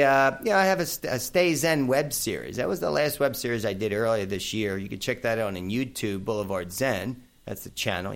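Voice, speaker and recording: A man's voice: on the low side, gravelly. A man in his fifties with a New York accent, hosting a casual talk radio show and chatting brashly with listeners. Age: 50s. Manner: brash and animated, addressing listeners as folks. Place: radio studio.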